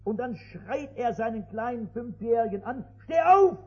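An older man preaching an evangelistic sermon to a seated congregation, telling stories emphatically and rising to loud, urgent appeals, with a husky voice. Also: very high-pitched, normal speed. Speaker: pastor. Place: before a seated congregation in a meeting hall. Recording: dull lo-fi sermon recording.

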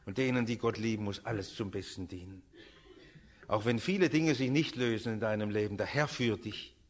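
An older man preaching a sermon in an impassioned way, building from quiet earnestness to loud, emphatic peaks. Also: fairly low pitch, brisk. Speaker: pastor.

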